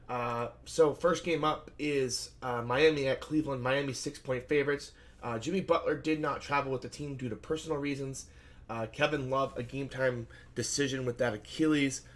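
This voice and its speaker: A hoarse, scratchy-voiced fantasy basketball analyst host goes through his picks in a solo betting slate breakdown, his throat worn from shouting at a game. His medium pitch stays fairly even, he talks a little fast, and he's conversational, thinking aloud with many fillers and self-corrections.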